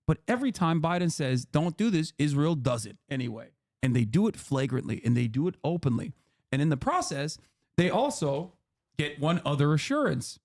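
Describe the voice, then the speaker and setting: Streamer host, man, 30s, slightly high voice, heated and profane explainer. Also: big pitch swings, a little fast. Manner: impassioned, profane, rising to near-shouting emphasis. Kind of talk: heated political explainer to a guest.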